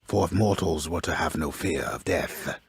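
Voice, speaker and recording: Delivered in an exaggerated voice, this solemn, stately video game narration comes from a grave, grandiose male storyteller of an underworld myth. His voice is extremely low, heavily husky, and gravelly, and his measured, formal phrases carry a dry, wry mockery. The close recording has no room sound.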